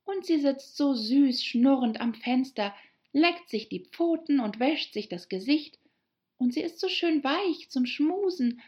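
A woman's voice: sits high, lively intonation, unhurried, a little mellow, highs cut off, pitched above the performer's own voice. A woman voicing an eager, polite young girl who chatters on apologetically.

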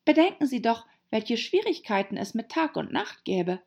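Brief: woman playing a small, polite girl for an audiobook, pitched much higher, shy and courteous. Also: big pitch swings, moderate pace, gravelly, darkish tone, heavily acted. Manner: shy and polite, eager to show off knowledge. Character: polite, timid little girl, Alice. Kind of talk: audiobook character voice.

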